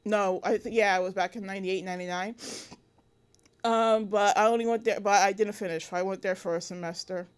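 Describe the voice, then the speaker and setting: A woman in her thirties from Connecticut, a guest in a casual interview. She talks in halting bursts, full of ums and restarts as she searches for words. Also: mid-range voice, steady tone, clear, resonant tone. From Connecticut, USA. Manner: hesitant, many fillers and restarts. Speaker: interview guest, illustrator and cartoonist.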